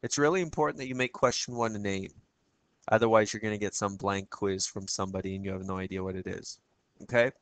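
Male tutorial presenter, froggy and croaky, lowish pitch, casual step-by-step delivery with frequent check-ins, dry sound. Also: fairly even intonation, fast talker, no echo. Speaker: teacher giving a tutorial.

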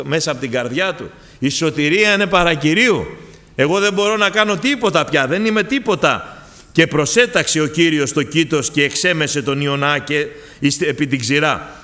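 A man's voice: medium pitch, fairly bright tone. A man from Greece preaching a fervent sermon, often calling out to the congregation as brothers.

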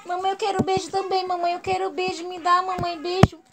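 A woman's voice: extremely high pitch, level tone, brisk, background noise, pitched above the performer's own voice. A woman voicing a jealous pet dog who whines and pleads for kisses. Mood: whiny jealous. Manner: whiny, pleading.

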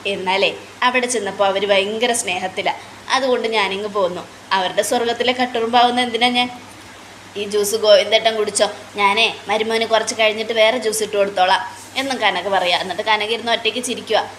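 A woman casually retelling a TV serial episode in a chatty, animated way. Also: medium pitch, brisk, slight background noise. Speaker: TV serial recapper.

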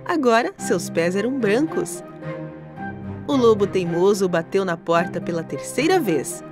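A woman narrating a cartoon story for children in an expressive, animated storytelling manner. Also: medium pitch, a little slow. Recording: narration with music underneath.

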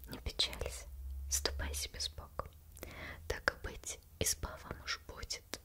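A woman voicing a calm, kindly magical golden fish from a storybook, in a soothing whispered role-play. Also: measured pace, close to an everyday voice. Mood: calm, reassuring.

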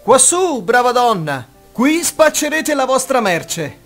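A boastful, cheerful little tailor, put on by a man reading a fairy tale. He talks high and cocky, his voice bouncing up and down with excitement. Soft music plays behind him. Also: moderate pace, heavily acted.

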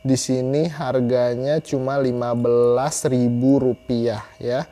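A young adult YouTuber gives a casual gear review to camera, chatty and repeating phrases for emphasis. His mid-range voice is slow, level and dark in tone, picked up by a clip-on lapel mic in a small indoor room, with soft background music.

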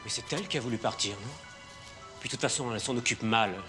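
A man's voice: medium pitch, fast, loud music behind the voice, natural voice. An actor playing an agitated, defiant father who holds on to his sons like a hostage taker in a TV drama. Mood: defiant, aggrieved. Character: agitated armed father refusing to give up his sons, threatening police. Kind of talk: French TV film drama acting.

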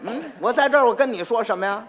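A man's voice: very high-pitched, a crowd in the background, pitched above the performer's own voice. A man doing a smug fake fortune teller. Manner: slow, pompous, self-important. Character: sly, smug male fortune teller faking powers.

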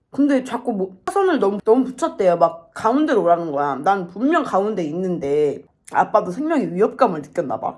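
A young woman in her twenties chatting casually in a vlog, telling stories with expressive swings in her voice. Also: medium pitch. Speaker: vlogger.

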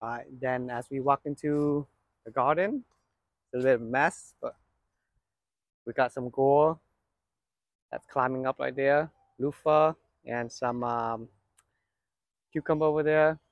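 Unhurried and medium-pitched, with long pauses, a man gives a casual harvest-time walkthrough of his outdoor vegetable garden, filmed on a handheld phone. There's no room sound. He's a gardening channel host, relaxed and chatty, pointing things out as he walks and picks.

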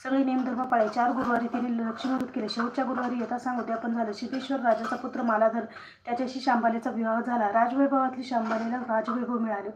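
A woman narrates a devotional tale in a steady, rhythmic storytelling manner. Her voice sits fairly high and rings in a roomy space. Faint noise runs behind. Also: fast.

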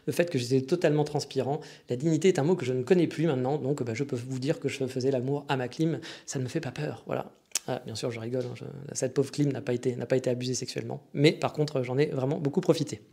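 A man's voice: mid-range voice, fast talker, gravelly, dark tone, slightly rough. A young French man with a French accent, hosting a casual solo podcast, joking and chatty with many fillers and restarts. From France. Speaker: podcast host.

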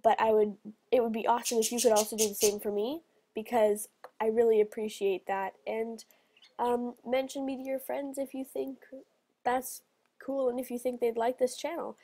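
Bubbly chatty young woman with gravelly fry. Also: a little high, fairly even intonation, mellow. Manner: bubbly, chatty, quick gasps of delight. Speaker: channel host. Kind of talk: casual game commentary.

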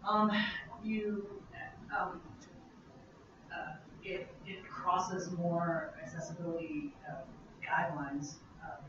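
An attendee speaks up from the audience, halting and full of fillers. The voice comes from far off in a very reverberant room, muffled and over steady background noise. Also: mid-range voice. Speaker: workshop attendee. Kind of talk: audience comment. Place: conference room. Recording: distant, very echoey, muffled audience mic.

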